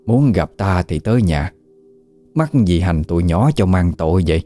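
A man's voice: low voice, expressive, moderate pace, dark tone, soft background music. Man playing a stern old village shaman woman. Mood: scolding. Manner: stern, commanding.

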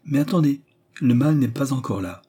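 A man reads aloud in a mid-range, dark, breathy voice, animated and at normal speed, pitched above his own natural voice. He portrays a scheming, persuasive noblewoman adventuress of middle age who alarms her young companion with feigned sweetness. The tone is menacing and persuasive, insistent and threatening.

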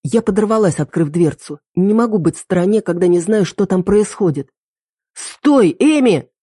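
A woman's voice: lowish voice, brisk, warm tone, husky, dry recording, clean studio sound. A woman narrating a first-person story dramatically as an audiobook reader.

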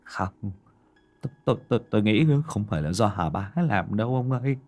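A man voicing an uneasy older village man who stammers quietly. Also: lowish voice, expressive, brisk, soft background music.

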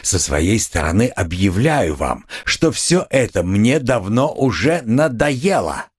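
Here is a feverish young student on the edge, as a man reading an audiobook puts him on. His husky voice is clipped and defiant and jumps far above the reader's low register when he cries out. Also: sing-song, slow, exaggerated voice. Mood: cold defiant. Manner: clipped, breaks into shouting.

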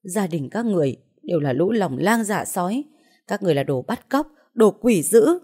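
A woman voicing a middle-aged mother who shouts accusations in anguish and fury in an audio story. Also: mid-range voice, very animated, normal speed, slightly rough, voice pushed up. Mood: furious, anguished.

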